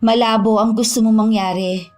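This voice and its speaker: A woman's voice: a little high, steady tone, normal speed, darkish tone, lightly acted. An actress playing a caring but reproachful sister who worries about her brother. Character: protective younger sister, wary and hurt. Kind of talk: audio drama acting. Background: music.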